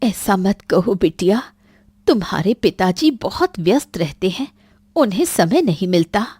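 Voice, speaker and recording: A gentle, sorrowful young village mother, voiced by the narrator. Her voice is mellow, and she speaks slowly. The sound is a dry studio recording. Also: mid-range voice, animated, breathy edge, no echo. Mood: tender. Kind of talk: Hindi cartoon story dubbing.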